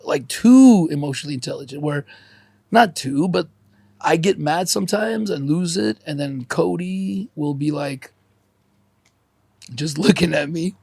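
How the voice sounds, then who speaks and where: A man in his forties opens up on a podcast, profane and candid, holding back tears. His slightly raised voice is rough with fry and a husky grain. The sound is dry and close, with no room around it. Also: on the high side, measured pace, darkish tone, no room sound. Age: 40s. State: teary. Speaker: podcast guest.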